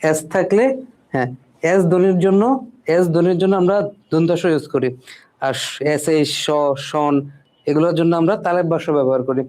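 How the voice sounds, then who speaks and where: A man's voice: a little high, fairly even intonation, moderate pace, pauses often, darkish tone. A man teaching a spelling lesson, repeating each word and checking in with "right?" after almost every point. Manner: repeats words and keeps asking "ঠিক আছে?".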